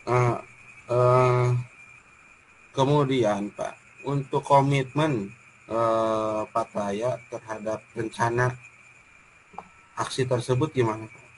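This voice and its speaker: A man with a West Javanese Indonesian accent, coaching a colleague with polite questions. He talks very slowly at a medium pitch. A faint noise runs behind him. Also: fairly even intonation, rough recording. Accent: Indonesian, West Java. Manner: polite questioning, addressing the other as Pak. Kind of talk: coaching practice conversation.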